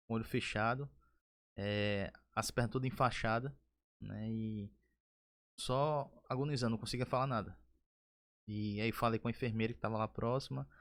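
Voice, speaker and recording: Earnest man telling a church story. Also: medium pitch. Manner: earnest storytelling, rising when excited. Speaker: podcast host. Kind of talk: casual testimony chat.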